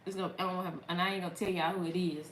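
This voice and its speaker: A woman's voice: lowish voice, little pitch movement, rapid-fire, reverberant, slight background noise, low-quality recording. A woman from Mississippi with a Southern accent, chatting casually to her viewers on a livestream and laughing often. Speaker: content creator.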